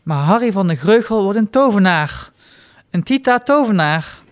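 Guy putting on a fortyish office man who swears he'll be a wizard, fervent and solemn, kinda high voice. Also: measured pace, a little mellow. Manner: solemn, fervent self-pep-talk. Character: fortyish male mortgage adviser dreaming of wizardhood, earnest.

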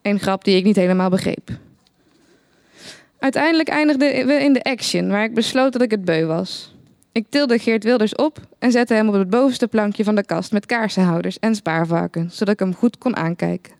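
A woman narrating a satirical short story in the first person, with a dry, deadpan manner. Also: medium pitch, moderate pace, no echo.

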